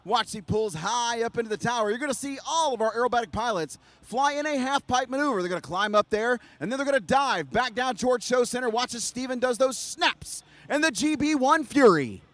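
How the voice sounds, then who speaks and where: High-pitched, excited male air show announcer. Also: a little fast, few pauses, dry recording. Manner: excited, hyping the crowd, punchy emphasis. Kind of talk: live air show commentary.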